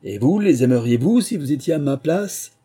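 A man voicing an angry, trembling small mouse in a storybook, with a shrill indignant tone. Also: animated, normal speed, mellow, husky.

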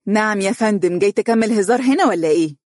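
A storyteller voicing a lively, teasing young wife in Egyptian dialect, pitching up to play her. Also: fast talker, dry recording, studio quality, natural voice. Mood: playful. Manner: bright, teasing, rising excited pitch. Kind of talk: storybook reading.

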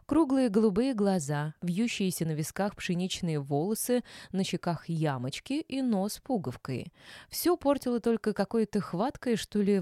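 A woman's voice: medium pitch, dark tone, no room sound. A woman narrating a first-person audiobook with a dry, mocking delivery.

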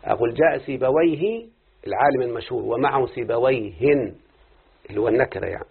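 A man's voice: mid-range voice, rapid-fire, vocal fry, breathy edge. A man teaching Arabic grammar, often quizzing his students with questions. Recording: tinny phone-like recording.

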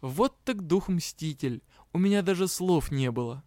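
A man's voice: on the high side, animated, measured pace, dark tone, no echo, clean studio sound. A man reading a fantasy audiobook as narrator. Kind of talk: scripted narration.

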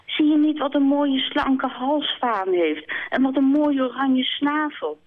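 A woman's voice: high voice, expressive, a little slow, voice pushed up. A woman voicing a vain, coaxing female hen in a storybook reading, sweetly pleading. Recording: tinny phone line.

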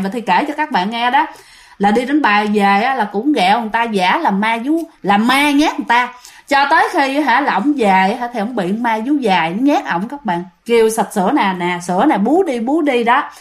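A woman with a Southern Vietnamese accent telling ghost stories in a chatty way, often repeating herself and speaking directly to listeners. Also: mid-range voice. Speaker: storyteller host. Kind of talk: casual ghost story telling.

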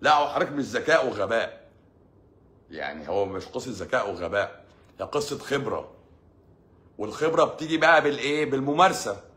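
A man's voice: mid-range voice, expressive, quick pace, long pauses, fairly bright tone. An Egyptian man, a doctor, talking casually to his audience in a sarcastic, mocking advice-giving way. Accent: Egyptian Arabic. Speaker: doctor hosting his own channel. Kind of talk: casual monologue.

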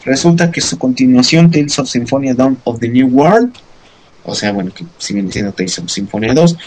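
A man's voice: medium pitch, expressive, normal speed, a little mellow, rough recording. A man co-hosting a podcast, explaining game news in a rambling casual way with many fillers. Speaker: podcast co-host. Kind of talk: casual news segment chat.

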